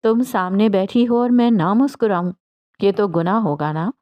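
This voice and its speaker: A woman voicing a playful young man who jokes gently with his tearful fiancée in an audiobook. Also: medium pitch, muffled recording, lightly acted. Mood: teasing. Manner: gentle joking banter.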